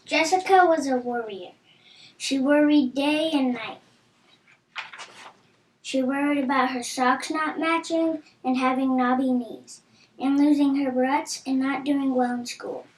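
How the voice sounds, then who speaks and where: A woman reads a children's storybook aloud at a measured pace, her voice sitting high. The recording has a roomy echo and audible background noise.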